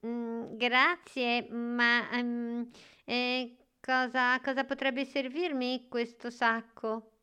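A woman's voice: very high voice, expressive, slow, hardly any pauses, a bit bright, pitched above the performer's own voice, full character voice. Woman doing a young boy, kind, eager, childlike, raised voice, storybook. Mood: hesitant.

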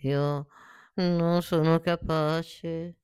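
A woman voicing a shy, tender young tree in a children's story, speaking softly and hesitantly. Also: deep voice, level tone, drawn-out words, smooth, dry recording, clean studio sound. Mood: anxious. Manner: soft, hesitant and wondering.

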